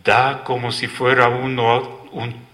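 A man's voice: medium pitch, little pitch movement, takes it slowly, pushed and bright. A man reading the wistful, musing lines of a village man gazing at the stars in a storybook.

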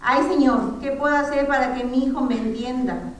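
A woman's voice: high voice, fairly even intonation, normal speed, lightly acted. A woman voicing a poor, frightened older mother who pleads and sighs, recorded in an echoey room far from the mic. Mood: pleading, sorrowful. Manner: pleading, imploring, sighing "ay".

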